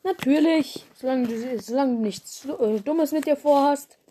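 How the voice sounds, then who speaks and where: A woman's voice: high voice, measured pace, warm tone, pitched above the performer's own voice. Woman voicing a cold, strict she-cat deputy. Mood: wary. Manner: firm, icy. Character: cool-headed female cat deputy, strict.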